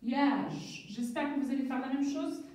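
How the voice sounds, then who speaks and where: A woman teaching a reading lesson to young children, speaking slowly and sounding out syllables one by one. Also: high-pitched, darkish tone. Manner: slow, deliberate, sounds out syllables. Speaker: primary school teacher. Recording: very echoey room, voice far from mic.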